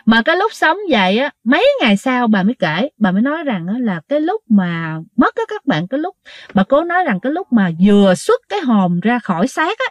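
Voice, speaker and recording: Animated woman storyteller. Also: fairly high pitch, fairly quick, no echo. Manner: animated, acts out quoted dialogue. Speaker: ghost story narrator. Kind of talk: casual storytelling to listeners.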